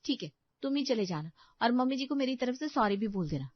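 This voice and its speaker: A woman's voice: a little high, expressive, brisk, dry recording. A woman playing a polite young working wife. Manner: polite, deferential. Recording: dull lo-fi dry recording.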